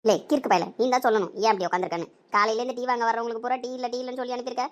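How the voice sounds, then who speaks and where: A woman's voice: on the high side, fairly even intonation, rapid-fire, natural voice. A woman voicing a blunt, teasing older village mother in an amateur audio drama. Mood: scolding, teasing.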